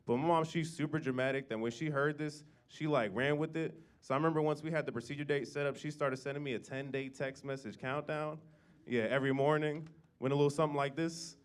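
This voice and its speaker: A man's voice: fairly high pitch, steady tone, quick pace, smooth. A young man doing a stand-up set in a comedy club, dry crowd work that breaks into mock outrage. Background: audience laughter.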